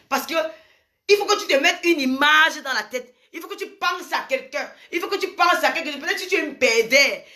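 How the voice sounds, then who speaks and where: A woman delivers a frank advice monologue in a high, bright voice. She talks emphatically, repeating words for effect and breaking into exclamations. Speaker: advice vlogger.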